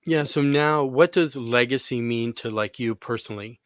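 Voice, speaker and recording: Man, podcast host, mid-pitched voice, chatty, upbeat, dry close mic. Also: moderate pace, no room sound. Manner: upbeat, chatty, rambling with fillers. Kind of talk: casual podcast interview.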